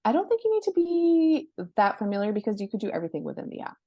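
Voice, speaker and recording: Seated at a laptop by a window indoors, this book publishing professional and influencer talks fast in a high-leaning, slightly rough voice whose pitch swoops wildly. The recording is dry and dull. As an interview's guest expert, she keeps it informal, walking through practical examples and step-by-step advice.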